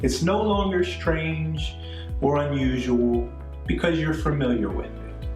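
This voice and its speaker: Speaking a little slowly in a fairly high, darkish voice, this middle-aged man from Canada gives a classroom-style English grammar lesson. He goes over points patiently more than once, asking "okay?" and "right?" along the way. It's recorded from a distance in an echoey room with faint music.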